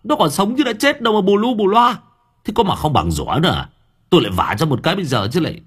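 A man doing a gruff cursing village father. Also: wildly swooping pitch, normal speed, fairly bright tone, full character voice. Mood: scolding. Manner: low, scolding and coarse.

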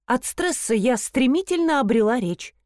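A woman reads a novel aloud in the first person, wry and expressive, her somewhat high voice moving over a lively range. The recording is close and dry. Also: moderate pace, dry recording. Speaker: audiobook narrator. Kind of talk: scripted first-person narration.

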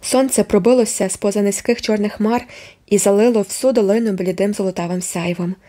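A woman narrating a novel as an audiobook in a measured, expressive reading. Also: medium pitch. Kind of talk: scripted narration.

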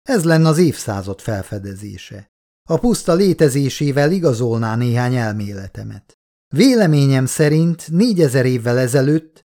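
Brief: male reader doing a relaxed scholar, wry and friendly, near his own voice. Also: mid-range voice, natural voice. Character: friendly middle-aged male archaeologist scholar.

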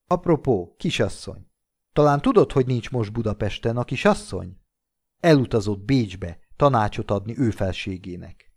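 A man reading an audiobook, voicing a jovial, teasing old gentleman who walks with a cane. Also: on the low side, expressive, breathy edge.

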